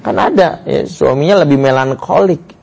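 A man's voice: a little high, moderate pace, creaky, a little mellow. A male Islamic lecturer, giving a family lecture and telling stories expressively with frequent "ya".

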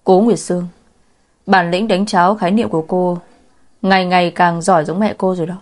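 A woman voicing a sharp-tongued young woman who taunts her family, in a storybook reading. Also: on the low side, steady tone, brisk, natural voice. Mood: mocking. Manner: taunting, sarcastic.

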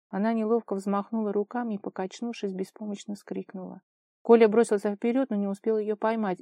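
A woman narrating a fantasy novel in a steady storytelling voice. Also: mid-range voice, no room sound, studio quality. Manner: steady storytelling, lively dialogue. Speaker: audiobook narrator. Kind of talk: scripted narration.

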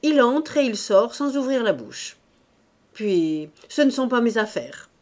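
A woman reading a gruff, suspicious husband. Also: fairly high pitch, big pitch swings, measured pace, a little mellow, pitched above the performer's own voice. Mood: guarded. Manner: blunt, grumbling.

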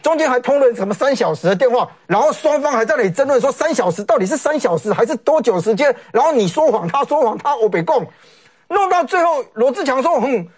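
Fast, lively Taiwanese man commenting. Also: very high voice, slightly rough. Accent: Taiwanese Mandarin. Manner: animated, sarcastic, mimics other people's words. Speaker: political commentator. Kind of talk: political talk show commentary.

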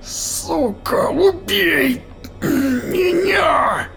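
Man doing a tormented giant, high strained voice, slow, hissing. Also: big pitch swings, gravelly, faint music behind, heavily acted. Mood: desperate. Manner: strained, hissing, breaking into shouts.

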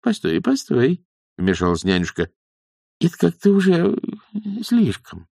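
A man's voice: fairly high pitch, wildly swooping pitch, a little slow, creaky, no echo, studio quality, voice pushed up, heavily acted. A man doing a chatty old village witch. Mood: soothing. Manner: soft, chatty. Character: jolly old woman witch, peacemaker.

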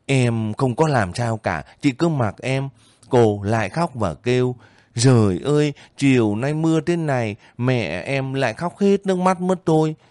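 A man voicing a lively, homesick young girl soldier who talks eagerly and breaks down in tears, in an audiobook reading. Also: mid-range voice, a little slow, dry recording, natural voice. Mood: tearful. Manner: chatty, emotional, breaks into crying.

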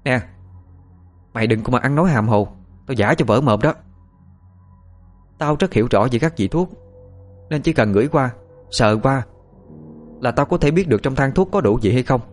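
A man voicing a spiteful young female servant who talks in a shrill, sneering, threatening way. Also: animated, moderate pace, hardly any pauses, a bit bright, faint music behind, close to an everyday voice. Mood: defiant sneering.

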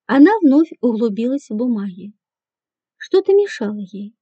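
A woman narrating an audiobook in a measured, even reading voice. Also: on the high side, slightly rough, dry recording. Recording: dull, dry lo-fi recording.

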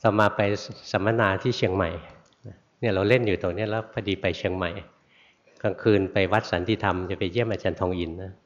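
A man, a Buddhist monk, telling a story in a relaxed sermon, often adding soft tag words, on a dull lo-fi recording in a sermon hall. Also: sits low, quick pace. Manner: relaxed storytelling with frequent "na" tags.

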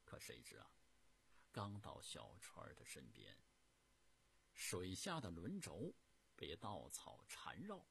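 A man narrating a historical story dramatically, jumping from loud bursts to hushed whispers. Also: sits low, wildly swooping pitch, slow, creaky, long pauses, a little hiss or hum.

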